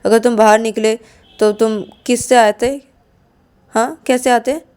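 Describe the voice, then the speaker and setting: A woman voicing a patient young partner who coaxes and pleads softly. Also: a little high, steady tone, unhurried, clean tone, voice pushed up, close to an everyday voice. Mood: pleading. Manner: soothing, pleading, repeats "arre".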